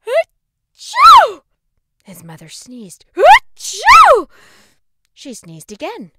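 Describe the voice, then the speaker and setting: A woman voicing a furious mother who shouts and sneezes her words out in a storybook reading. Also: high voice, big pitch swings, normal speed, very noisy, voice pushed up. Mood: sneezing. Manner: yelling, sneezing between words.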